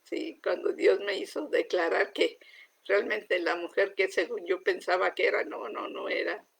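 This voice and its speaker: Lady sharing her faith testimony, heartfelt, goes soft a lot, kinda gravelly voice. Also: medium pitch, moderate pace. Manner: heartfelt, often sinking to a soft, near-whispered voice. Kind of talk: spoken religious testimony.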